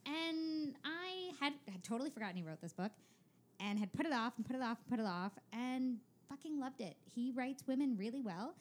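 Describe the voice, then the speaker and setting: A woman's voice: sits high, animated, a little fast. Chatty, informal woman co-hosting a podcast. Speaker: podcast co-host. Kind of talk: casual chat.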